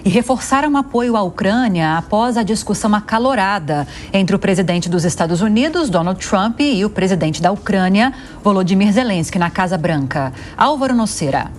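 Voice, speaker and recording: A woman anchors the news, reading a scripted lead-in with crisp, formal delivery. Her pitch is middling for a woman. A faint ambient hum sits behind her. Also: animated, moderate pace, few pauses.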